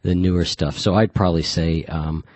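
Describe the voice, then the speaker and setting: A man's voice: sits low, fairly even intonation, moderate pace, a little mellow, no room sound. A man hosting a podcast interview, asking conversational questions and hedging them with fillers. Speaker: podcast host.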